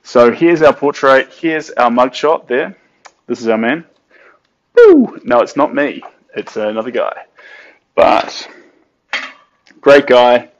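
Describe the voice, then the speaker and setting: A New Zealand man in his late twenties live-streams himself painting, yarning with viewers in a slow, chatty, very animated way at a middling pitch. Upbeat throughout, he sings snatches of songs and talks straight to his audience, while the audio sounds dull and a bit lo-fi.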